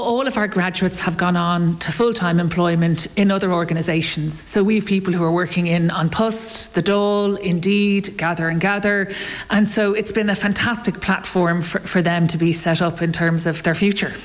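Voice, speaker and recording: A woman chief executive answering interview questions, her voice a little low for a woman. She speaks with enthusiasm, often restarting her phrases mid-sentence. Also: moderate pace.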